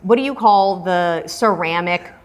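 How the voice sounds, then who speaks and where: A young woman chats about thrift and estate sale finds with her co-host. She is talkative and playful and often breaks into quick exclamations. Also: on the low side. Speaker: reseller co-host. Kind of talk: casual chat.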